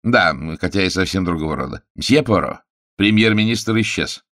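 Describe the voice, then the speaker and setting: A man's voice: deep voice, animated, moderate pace, fairly bright tone, no echo, clean studio sound. A man voicing a grave, worried senior statesman in an audiobook, formal and solemn.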